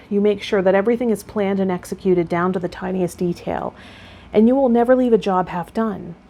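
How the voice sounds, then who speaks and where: Her voice medium in pitch and dark in tone, a woman working as a tarot vlogger and guide goes through card meanings before chatting casually with viewers. The recording carries clear background noise.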